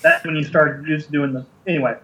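A man's voice: fairly high pitch, fairly even intonation, a little fast, sharp tone, rough recording. A man co-hosting a podcast in casual chat, easygoing and full of ums, laughing often. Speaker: podcast co-host.

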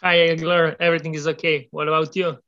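Young man, rather high voice, hesitant, dull lo-fi line. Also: level tone, smooth. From Serbia. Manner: halting, hesitant, searching for words. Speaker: guest, former exchange student. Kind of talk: remote interview conversation.

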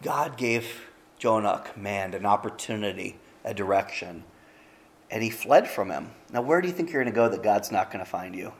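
Low-voiced man preaching a sermon. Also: expressive, normal speed. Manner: conversational storytelling, easy asides. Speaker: pastor.

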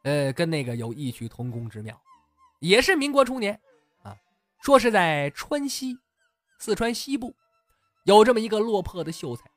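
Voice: medium pitch, big pitch swings, moderate pace, long pauses, no echo, soft background music. A storyteller telling a comic tale casually, chuckling along and using many fillers. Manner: chatty, laughs at own story, many fillers. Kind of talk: comic oral storytelling podcast.

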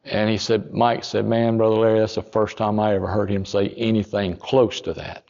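A man, a pastor telling a story in a sermon, folksy and rising to loud emphatic peaks. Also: on the low side, little pitch movement, normal speed, creaky, in a large hall, muffled recording.

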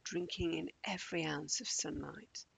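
Man, very gravelly and breathy, fairly high voice, soothing guided meditation, gentle near-whispered instructions. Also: steady tone, moderate pace, low-quality recording.

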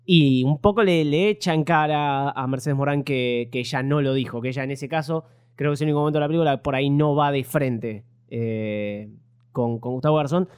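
A man's voice: medium pitch, brisk, darkish tone, clear, resonant tone, dry recording, studio quality. A man discussing a film casually on a podcast, talking at length with frequent restarts. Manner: talkative, hesitant with frequent restarts.

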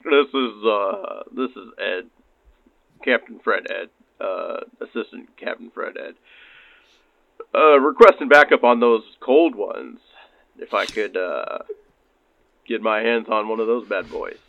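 A man playing a lazy male assistant fire chief who talks haltingly with radio sign-offs, heard over a police-style two-way radio. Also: lowish voice, vocal fry, no echo. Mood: hopeful. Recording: tinny radio line, dry.

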